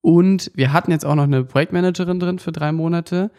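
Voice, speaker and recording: A man's voice: on the high side, fairly even intonation, a little fast, dark tone. A man, a podcast guest who chats loosely, with many fillers and restarts. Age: 20s. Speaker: guest, agency founder and filmmaker. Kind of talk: casual podcast chat.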